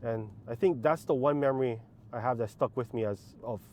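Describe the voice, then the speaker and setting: A man in his thirties from Hawaii, a police officer, telling stories casually in halting, informal phrases. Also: medium pitch, darkish tone. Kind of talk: casual interview storytelling. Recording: faint background noise.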